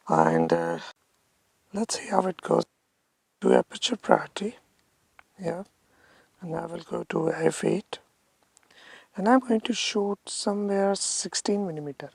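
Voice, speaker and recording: A woman with a North Indian accent talking casually as a photography vlogger, haltingly thinking aloud. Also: on the low side, creaky, a little mellow, husky, dry recording. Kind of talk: casual vlog talk to camera.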